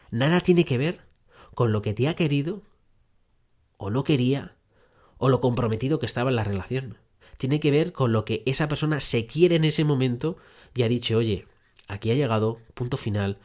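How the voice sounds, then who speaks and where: A man hosting a podcast who gives relationship advice, speaking directly to the listener with repeated phrases for emphasis. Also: mid-range voice. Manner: direct second-person address, repetitive emphasis. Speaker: podcast host.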